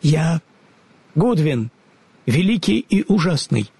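A storybook wizard, as a male narrator puts him on, speaking in a raised, shaky voice that swings between pomp and panic. The tone is breathy and close, with no room around it. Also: big pitch swings, a little slow, dry recording, heavily acted. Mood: frightened. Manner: solemn booming, then fussy and pleading. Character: grand mysterious male wizard, later a frightened little old man.

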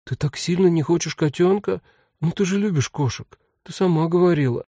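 Man putting on a chatty little girl voice, curious, a bit higher, audiobook. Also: a little fast, dark tone, dry recording, studio quality. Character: young schoolgirl, eager younger sister.

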